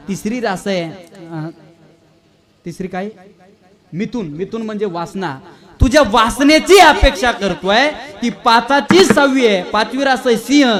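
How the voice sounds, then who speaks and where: A man preaching a kirtan, telling funny stories in an animated, teasing way and quizzing his audience. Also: sits high. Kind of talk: humorous kirtan storytelling.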